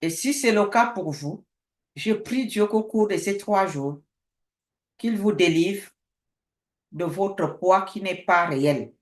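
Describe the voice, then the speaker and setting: A woman pastor preaching and telling a testimony at a middle pitch. She tells it in a lively way and plays both voices of a conversation herself. The room around her gives an echo. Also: slow, long pauses. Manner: lively storytelling, acts out both sides of a dialogue. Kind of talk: sermon with a told testimony. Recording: echoey room.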